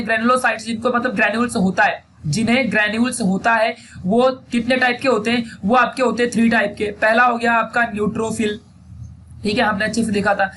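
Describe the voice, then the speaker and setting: Fast-talking male biology teacher, high voice. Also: a bit bright. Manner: quizzes students and answers himself, repeats key terms; keeps saying "theek hai" and "guys". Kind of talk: fast-paced classroom lecture. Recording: faint background noise.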